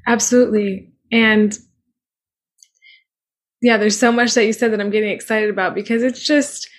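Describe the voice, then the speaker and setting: A woman's voice: mid-range voice, steady tone, moderate pace. A woman hosting a podcast, chatting eagerly and agreeing with her guest, rambling with "like" and "you know.". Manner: enthusiastic, agreeing, rambling with fillers. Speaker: podcast host. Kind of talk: casual conversational chat.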